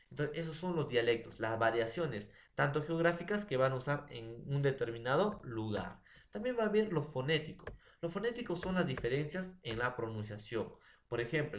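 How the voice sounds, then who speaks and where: A young man presents a lesson. His voice sits at an ordinary middle pitch. He keeps turning to the teacher and checking in with short tag questions, and the room around him echoes. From Peru. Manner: addresses a teacher often, with many fillers and tag questions. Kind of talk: classroom presentation.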